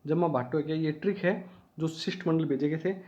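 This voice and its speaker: A man with a high, light voice teaches an exam-prep class. He drills each fact over and over and answers his own questions. The recording sounds slightly dull and lo-fi. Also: brisk, darkish tone. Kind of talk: online exam-prep lesson.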